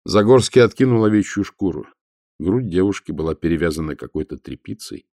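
A man narrating an audiobook in a steady, measured way. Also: deep voice, no room sound, clean studio sound.

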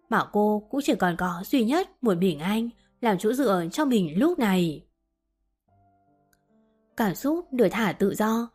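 A woman reading a romance novel aloud as an audiobook narrator, gently voicing both lovers' lines. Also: mid-range voice, breathy edge.

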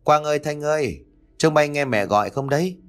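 A man voicing a worried middle-aged mother in an audio story, calling out and anxious, a bit higher than his own voice. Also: fairly quick, soft background music, lightly acted. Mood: calling, puzzled.

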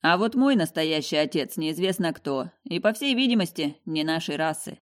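Brief: calm tired prince with a dry bitter edge, read by a woman, lowish voice, fantasy audiobook. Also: moderate pace. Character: weary young prince, calm and wry. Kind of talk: audiobook character voice.

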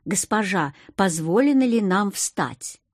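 A woman's voice: medium pitch, animated, slow pace, dry recording, clean studio sound. A woman reading an audiobook, voicing a reverent male cat-headed alien with a solemn storytelling tone. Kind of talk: audiobook character voice.

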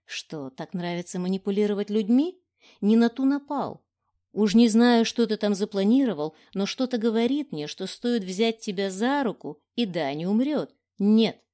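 A woman's voice: medium pitch, lively intonation, normal speed, dark tone, natural voice. A woman voicing a defiant young heroine in an audiobook, speaking firmly and with resolve. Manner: defiant, firm. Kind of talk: audiobook reading.

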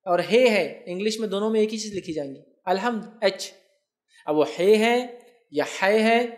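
A man answering viewers' questions as a religious scholar. He explains patiently, keeps checking that listeners follow him, and slowly sounds out Arabic words to show how they are pronounced. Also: high voice.

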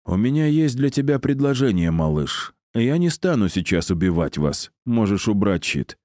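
A man's voice: on the low side, big pitch swings, moderate pace, dark tone, dry recording, studio quality. A man voicing an arrogant, cruel male necromancer who mocks and insults his captives. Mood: condescending. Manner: mocking, condescending, insulting.

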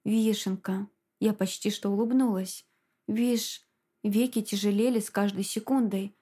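A woman narrating a novel in a measured, quiet, dramatic reading. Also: mid-range voice, steady tone, breathy edge. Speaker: audiobook narrator. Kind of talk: scripted narration.

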